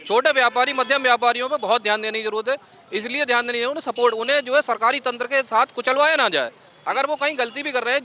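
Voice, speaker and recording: A man's voice: extremely high pitch, sharp tone, a little hiss or hum. A man being interviewed on a city street, speaking earnestly and rambling with many fillers.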